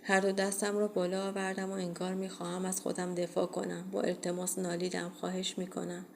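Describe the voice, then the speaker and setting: A woman reading a first-person horror audiobook in a steady, measured way. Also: lowish voice, gravelly, slight background noise. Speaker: audiobook reader.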